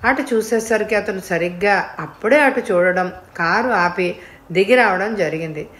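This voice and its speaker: A woman narrating a novel for an audiobook. Her delivery is calm and steady. She keeps a middle pitch for her sex. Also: moderate pace. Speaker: audiobook reader. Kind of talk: storytelling narration.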